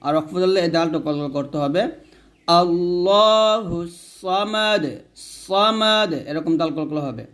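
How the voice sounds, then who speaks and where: A man with a rather high voice teaches Quran reading step by step. He spells out the letters one at a time and breaks each verse into words. Then he has the listener repeat the phrases after him. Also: a bit bright. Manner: spells letters aloud, then recites slowly with a drawn-out chant; repeats phrases for the viewer to say back. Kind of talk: Quran recitation lesson.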